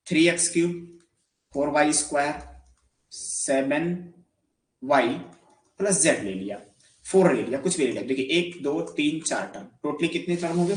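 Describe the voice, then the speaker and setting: A man's voice: on the high side, roomy sound. A man giving a math lecture in Hindi, asking his students questions and answering them himself. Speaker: math teacher. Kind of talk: classroom lecture.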